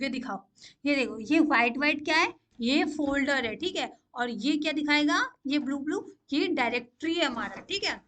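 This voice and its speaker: Young woman instructor, high voice, patient step-by-step screen-share teaching with frequent check-ins, faint noise. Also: a bit bright. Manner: repeats "ठीक है" to check in, asks questions aloud. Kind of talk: screen-share coding tutorial.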